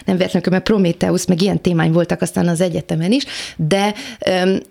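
A young Hungarian woman speaks as an interview guest, her voice fairly low with a gravelly edge. She tells her stories with passion and breaks into laughter often. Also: steady tone, dark tone. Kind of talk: casual interview chat.

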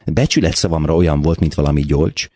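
A man's voice: extremely low pitch, no echo, studio quality. A man doing a flustered, pompous piano teacher. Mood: earnest. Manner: excitable, pompous.

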